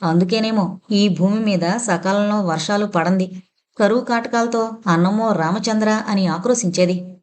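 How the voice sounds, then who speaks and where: A woman's voice: medium pitch, darkish tone. Woman narrating a dramatic audio novel. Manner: dramatic, measured storytelling.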